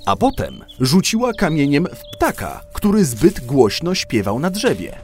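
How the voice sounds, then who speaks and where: A man reading a fairy tale aloud as a storyteller, in an expressive storybook manner. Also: fairly high pitch, a little slow, soft background music.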